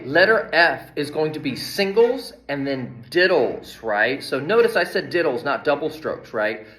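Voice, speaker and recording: A man teaching percussion rudiments, explaining each exercise, counting beats aloud and often adding "right?". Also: fairly high pitch. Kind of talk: instructional demonstration. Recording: drums playing between spoken lines. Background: drum playing.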